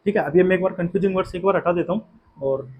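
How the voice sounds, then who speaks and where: A man's voice: high-pitched, rapid-fire, phone-quality sound. A man teaching English vocabulary for an exam, explaining in a patient, repetitive way with frequent fillers and check-in questions, and an Indian English accent. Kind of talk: exam-prep vocabulary lesson.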